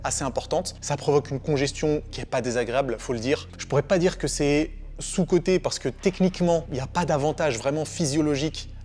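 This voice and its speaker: A man who coaches fitness, talking fast and confidently as he gives quick, blunt opinions in a relaxed way. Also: a little high, slight background noise. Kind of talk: quick-fire opinion answers.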